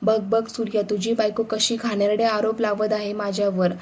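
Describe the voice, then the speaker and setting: A scornful older uncle in a read-aloud story, as a woman narrator puts him on, scolding with contempt. The voice stays flat, with little rise and fall, and never leaves the storyteller's own tone. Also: mid-range voice, moderate pace, a little hiss or hum, natural voice. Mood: shouting denial. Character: angry domineering older uncle, a man.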